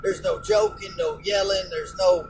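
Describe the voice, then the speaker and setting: A high-voiced man whose pitch jumps around as he rambles through a casual story, stumbling over and repeating his words. His voice has a gravelly fry. He sits away from the mic, with clear noise in the background. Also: huge pitch swings, measured pace, far from the mic. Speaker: truck driver.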